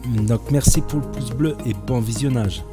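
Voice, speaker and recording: A man's voice: mid-range voice, normal speed. Casual man over music. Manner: casual, plain spoken. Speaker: host. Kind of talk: reaction video intro.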